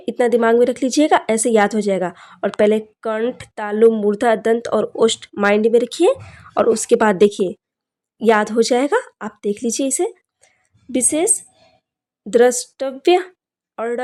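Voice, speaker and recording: A young woman teaching an exam-prep grammar lesson, speaking slowly and deliberately and often telling students to look closely. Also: fairly high pitch, a little mellow. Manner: slow, deliberate, repeats "dekhiye" often.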